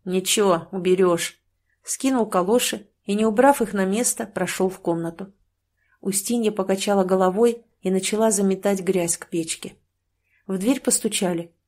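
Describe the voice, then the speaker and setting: A woman narrating an audiobook in a calm, measured storytelling manner. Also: medium pitch. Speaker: audiobook reader.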